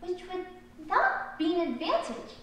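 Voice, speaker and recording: A prim, bewildered young girl, played by a woman, speaks slowly with a very high, bright and lively voice. She is caught from far off in a very echoey school hall. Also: exaggerated voice. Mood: exasperated. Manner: prim, earnest and exasperated. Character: polite, bewildered young girl, easily exasperated. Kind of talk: stage play acting. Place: school stage in an auditorium.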